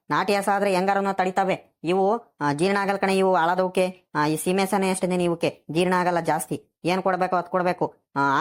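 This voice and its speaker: A woman's voice: fairly low pitch, lightly acted. A woman voicing a scolding old village grandfather. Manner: scolding, lecturing.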